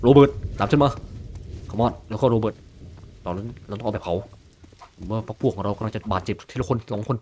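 A young man giving casual gameplay commentary, bursting into loud, swearing, excited yells. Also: lowish voice, fairly quick, long pauses, a little hiss or hum. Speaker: gaming video host.

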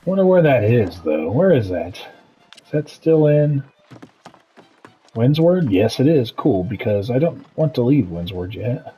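A man giving casual video game commentary as host, low-key and musing aloud. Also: big pitch swings, a little slow, dark tone, slightly rough, faint music behind, rough recording.

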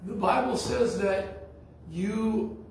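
A pastor with a high, darkish voice preaches a sermon very slowly in a church sanctuary, telling stories in a blunt, folksy manner. The recording is echoey and distant, picked up from far off in the hall, with a slight hiss or hum.

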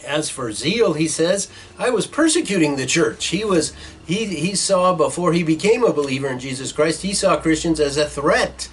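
A man's voice: fairly high pitch, animated, moderate pace, a little hiss or hum, poor audio. A middle-aged man preaching a sermon from a small office, teaching earnestly with hand gestures and some fillers, recorded by a desk webcam. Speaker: pastor. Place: small church office with bookshelves, indoors.

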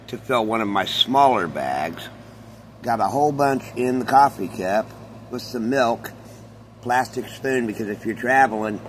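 A man casually testing travel food for his vlog, chatting in an unhurried way, recorded on a phone in a car. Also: medium pitch, fairly bright tone, slight background noise, poor audio. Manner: unhurried, chatty, talks with his mouth full. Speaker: vlogger. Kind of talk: casual product-test vlog.

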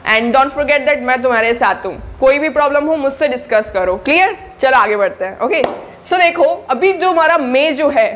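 Chatty encouraging young woman, fairly high. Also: lively intonation, moderate pace, fairly bright tone, slight background noise. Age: young adult. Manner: chatty and encouraging, with frequent check-ins to the listener. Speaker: study-tips YouTuber for board exam students. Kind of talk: casual spoken study coaching to camera.

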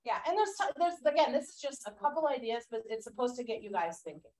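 A woman's voice: fairly high pitch, big pitch swings, fast, darkish tone. A woman with a Boston accent leading a real estate training class, chatty and loose with fillers and restarts. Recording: echoey room, mic far off.

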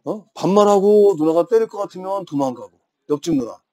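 A man's voice: high-pitched, expressive, fairly quick, darkish tone. A man in his fifties teaching an English grammar class, telling playful stories and teasing his students. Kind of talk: classroom lecture with chatty anecdotes.

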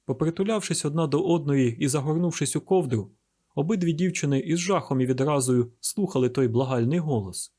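A man's voice: fairly high pitch, a little fast, mellow. A man narrating an audiobook of a classic novel with a vivid, dramatic reading. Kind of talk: scripted narration.

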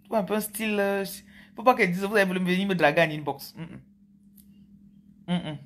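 A woman's voice: fairly low pitch, normal speed. A woman, talking playfully and chattily to her viewers as a spiritual coach. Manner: playful, chatty, teasing asides. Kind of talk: casual monologue to viewers.

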